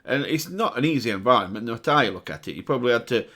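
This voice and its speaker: Male reaction host; relaxed, rambling lyric breakdowns, average pitch. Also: rapid-fire. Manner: chatty, breaks down lyrics with fillers and restarts. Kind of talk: casual commentary reacting to music.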